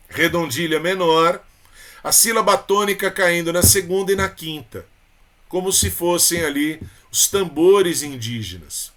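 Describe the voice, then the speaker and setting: His high, fairly bright voice carries a Brazilian Portuguese accent as he teaches literature for exam preparation. The lesson is relaxed and chatty, full of tag questions and warm terms of address for the class.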